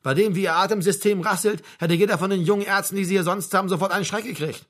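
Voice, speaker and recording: A man voicing a blunt, mocking old male doctor with a gruff, brusque manner. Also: sits high, fairly even intonation, fast, a bit bright, voice pushed up. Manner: gruff, brusque, with a bleating laugh.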